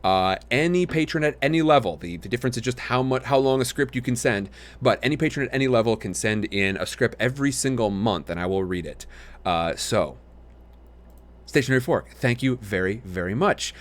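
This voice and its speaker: A man with a deep, lumberjack-like voice hosts a livestream in a casual, rambling, appreciative way, as someone who reads out submitted scripts. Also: expressive, fairly quick. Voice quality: deep, lumberjack-like voice, deeper than usual today. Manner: rambling, appreciative, often thanking. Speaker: host reading listener-submitted scripts on a livestream.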